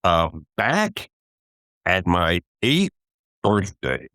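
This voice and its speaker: A man in his eighties, a guest in an interview, telling stories slowly and reflectively with some hesitations. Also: low voice, wildly swooping pitch, pushed and bright, no echo, studio quality. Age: 80s. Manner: slow, reflective storytelling with hesitations. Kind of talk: relaxed interview talk.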